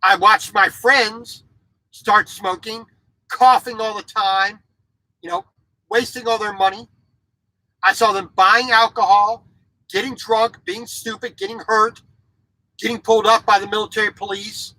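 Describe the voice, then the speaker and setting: The speaker, a man in his forties who drives trucks and grew up in Japan as a military kid, vlogs from his small sleeper cab in a high, bright, forceful voice with a steady tone. He talks a little slowly and pauses often. The audio is poor and dry, and his casual monologue is blunt and opinionated, full of restarts and repeated words.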